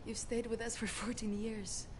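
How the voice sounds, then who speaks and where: A woman's voice: on the high side, flat delivery, moderate pace, background noise, lightly acted. A woman voicing an earnest young Polish caretaker. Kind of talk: video game dialogue.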